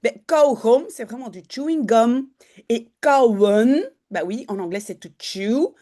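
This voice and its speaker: A woman's voice: a little high, a little slow, warm tone. A woman teaching Dutch, talking learners through a news article in a chatty way, with many fillers and self-corrections.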